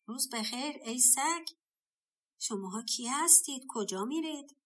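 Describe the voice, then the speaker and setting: Inquisitive forest pheasant, high chirpy voice, a woman reading it. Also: expressive, fairly bright tone. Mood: curious. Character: curious forest pheasant bird.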